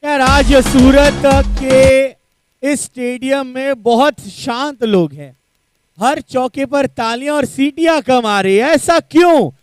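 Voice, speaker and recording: Guy commentating live cricket, really high pitched, stretches out showy phrases. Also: slow, clean tone, faint music behind. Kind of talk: live match commentary and analysis.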